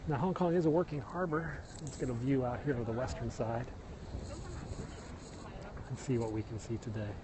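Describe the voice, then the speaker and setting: A middle-aged Midwestern American man livestreams a hillside trail walk from a phone in his hand, chatting like a tour guide, pointing out sights, and answering viewer comments. His medium-pitched voice is steady and moderately paced with frequent pauses, nearly drowned by loud cicadas and other insects.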